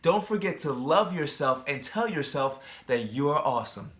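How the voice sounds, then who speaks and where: A male teacher reads a picture book aloud to young children, breaking off for chatty asides and questions aimed right at them. His voice sits a little high and sounds slightly bright, animated, and at a normal pace.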